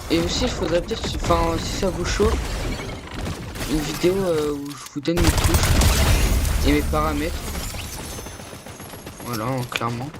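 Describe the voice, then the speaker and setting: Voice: medium pitch, unhurried, pauses often. A young adult with a lisp with slushy s sounds, giving casual, slangy, hesitant gameplay commentary to viewers. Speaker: gaming video creator. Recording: noisy home gaming recording.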